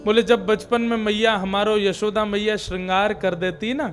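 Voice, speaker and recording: A man preaching a devotional discourse, explaining in an animated way and breaking into sung chants as examples. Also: high-pitched, normal speed, soft background music. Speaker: katha preacher.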